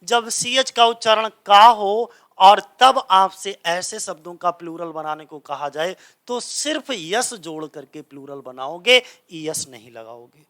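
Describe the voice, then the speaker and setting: A man's voice: high voice, expressive, a little slow, a bit bright. A man teaching English grammar in a coaching class, speaking. He keeps asking the class a question and then answering it himself.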